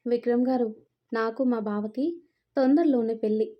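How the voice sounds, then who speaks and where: A woman's voice: fairly high pitch, steady tone, moderate pace, lo-fi sound, lightly acted. A woman reading the part of a shy young female student who stammers and pleads. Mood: indignant. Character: timid young woman student, easily frightened.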